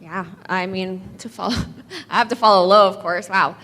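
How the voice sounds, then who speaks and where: A woman's voice: medium pitch, normal speed, bright, forceful tone. Chatty woman telling a story on a panel. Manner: chatty, self-deprecating, laughs between phrases. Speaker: hairstylist, brand owner, panel guest. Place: live event venue. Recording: reverberant hall.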